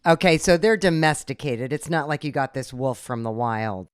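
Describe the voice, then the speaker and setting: A woman's voice: very deep voice, animated, normal speed, clear, resonant tone, no room sound, studio quality. A woman interviewer who asks curious, probing questions. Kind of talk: casual interview.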